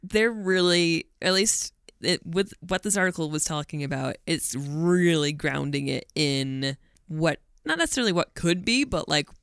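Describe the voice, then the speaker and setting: A podcast co-host in casual chat, relaxed, with lots of "like" and "sort of thing". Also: mid-range voice, moderate pace, clear, resonant tone, no room sound, clean studio sound.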